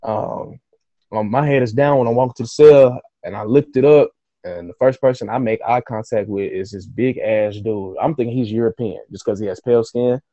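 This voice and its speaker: Warm-voiced man telling a wild story. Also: mid-range voice, normal speed, no room sound, muffled recording. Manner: loose, profane storyteller who acts out his own quoted thoughts. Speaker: author guest. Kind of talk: casual storytelling interview.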